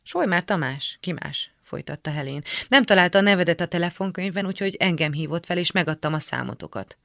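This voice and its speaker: A woman calmly reading a memoir excerpt aloud in a measured, literary radio style. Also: on the low side, vocal fry, no room sound, studio quality.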